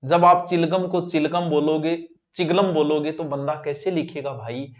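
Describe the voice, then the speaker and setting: A male teacher leads an exam-prep class, talking directly to his students in a high voice with fairly even intonation at normal speed. He repeats key words for emphasis. The recording is muffled and lo-fi.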